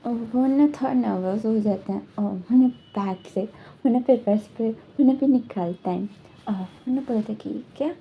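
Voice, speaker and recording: A woman's voice: a little high, normal speed, creaky, slightly rough, muffled recording. A woman casually retelling a fan story, rambling and repeating her filler words.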